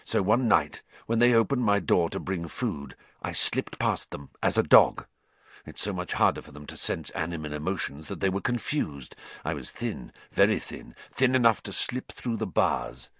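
A man voicing a gaunt, haunted male fugitive who speaks low, quietly and with a croak for an audiobook. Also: animated, moderate pace, dry recording, full character voice. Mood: brooding. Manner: quiet, brooding. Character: gaunt, haunted escaped male prisoner, bitter, intense.

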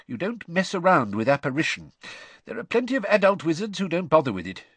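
Sex: man. Figure: a man playing a cheerful middle-aged father. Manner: chatty, matter-of-fact, lively. Quality: slightly husky. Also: fairly high pitch, fairly quick, no echo, pitched above the performer's own voice, exaggerated voice.

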